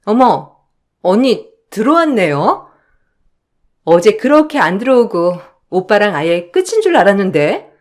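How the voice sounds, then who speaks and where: A woman's voice: medium pitch, very animated, a little slow. A woman voicing a spoiled young sister-in-law who needles with sarcasm in a dramatized story. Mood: mocking.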